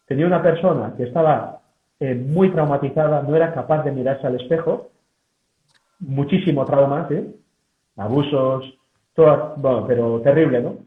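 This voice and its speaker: A male psychologist, explaining his ideas in an interview and often checking in with his listeners. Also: mid-range voice. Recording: echoey, phone-like audio.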